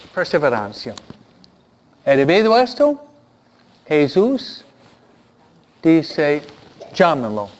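A man preaches a sermon in a slow, deliberate way, repeating phrases for emphasis and acting out scenes. His voice sits fairly high and swings widely in pitch. The recording sounds dull and lo-fi.

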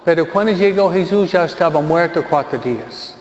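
A priest with a fairly high voice gives a funeral homily at a very slow, deliberate pace, switching between Spanish and English. The recording comes from a church hall with a long, ringing reverb and a somewhat dull, muffled tone. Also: expressive. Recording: echoey church hall, slightly dull sound.

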